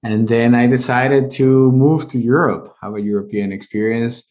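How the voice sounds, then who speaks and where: A man from Venezuela in his thirties, a business owner telling his career story in a casual interview, animated as he tells it. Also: medium pitch, normal speed. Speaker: guest, live streaming business owner.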